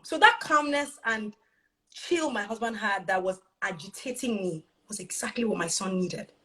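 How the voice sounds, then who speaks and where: An earnest woman shares her family story in a casual, heartfelt chat. Her voice sits at an ordinary middle pitch, and she tells the story expressively. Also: a bit bright, poor audio. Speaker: parent sharing her experience.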